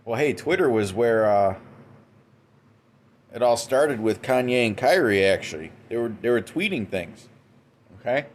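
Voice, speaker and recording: Indoors in Western New York, a religious commentator gives an informal preaching monologue, tagging nearly every sentence with "okay?" and "man." His mid-range voice is expressive and unhurried, with long pauses, frequent restarts, repeated words, and a little hiss or hum.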